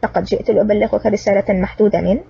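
A woman's voice: mid-range voice, steady tone, racing, gravelly, dark tone, breathy edge, dry recording. A woman reading a sly gloating old villain. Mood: sly menace. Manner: cunning, smug and mocking. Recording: distant, dull lo-fi recording.

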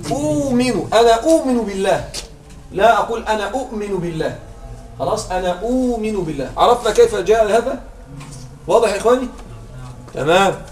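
A man's voice: sits high, expressive, fast, long pauses. A man teaching a grammar lesson, drilling examples aloud and checking understanding with frequent questions. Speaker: Arabic morphology teacher. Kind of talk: classroom grammar lecture. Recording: echoey room, far from mic, faint music.

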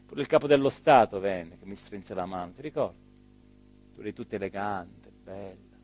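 In a theatrical monologue, a male stage actor voices a forsaken, resentful small-town mayor, his southern Italian accent carrying him from soft murmurs to loud declaiming. The mood turns nostalgic, his delivery animated at a moderate pace, with faint music in the background.

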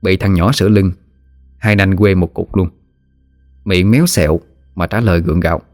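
A man with a Southern Vietnamese accent narrating a folk ghost story in a lively, vivid manner. His voice is low-pitched, with faint music beneath. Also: normal speed.

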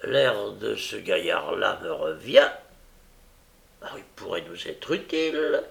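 A man's voice: on the low side, very animated, takes it slowly, creaky, fairly bright tone, pitched below the performer's own voice, heavily acted. A man reading an audiobook, voicing a sly, scheming old male crook with a wheedling, oily politeness. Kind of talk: audiobook character voice.

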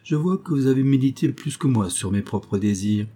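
A man's voice: mid-range voice, lively intonation, moderate pace, dark tone, voice pushed up, lightly acted. A man voicing a young male abbé and painter who talks in a joking, proud way in an audiobook. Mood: bantering. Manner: bantering, proud. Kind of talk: audiobook character voice.

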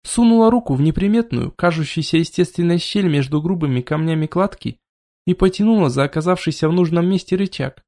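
A man reading an audiobook, narrating a first-person fantasy story in an even, measured way. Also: fairly high pitch. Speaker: audiobook reader.

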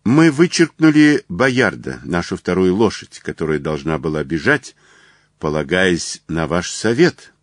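A male reader doing a proud, hot-tempered older colonel from an audiobook tale. His voice is fairly low and swings up and down as he demands answers. The sound is close and dry. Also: sing-song, measured pace, dry recording, heavily acted. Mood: puzzled. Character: agitated aristocratic racehorse-owning colonel, older man.

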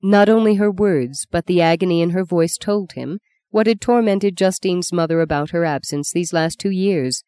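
A woman reads a novel aloud with calm, even delivery. Her voice sits low and mellow, with a warm, dark tone. The recording is dry and close, with no room sound. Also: normal speed, clean tone, no echo. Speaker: audiobook narrator. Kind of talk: scripted narration.

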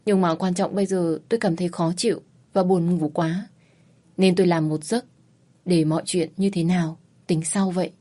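A woman narrates her own story in a reflective, wistful way. She mocks herself lightly as she goes. It is a calm, storybook-style audio narration. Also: lowish voice. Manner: wistful, self-mocking. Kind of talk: first-person story narration.

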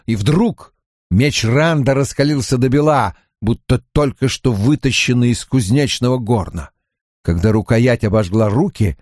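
A man's voice: medium pitch, a little mellow, dry recording, studio quality. A man reading a fantasy audiobook as a dramatic narrator.

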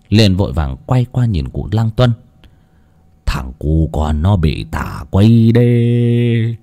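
Animated male horror storyteller. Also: fairly low pitch. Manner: slow, dramatic storytelling. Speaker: narrator. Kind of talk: scripted horror story narration.

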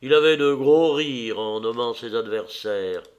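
A man reading a novel aloud as an audiobook narrator, in a measured, even storytelling manner. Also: medium pitch, lo-fi sound. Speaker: audiobook reader.

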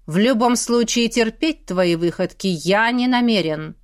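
A woman's voice: on the high side, lively intonation, unhurried. A woman voicing a stern, cold aristocratic father who heads a clan, with a commanding manner.

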